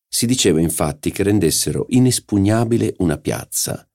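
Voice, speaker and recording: A pedantic old country aristocrat, read by a man, lecturing at length on coats of arms. The voice sits low and gravelly, with a dark, mellow colour. He is precise and fussy about detail. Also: lively intonation, normal speed, heavily acted. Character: older provincial nobleman, pedantic about heraldry.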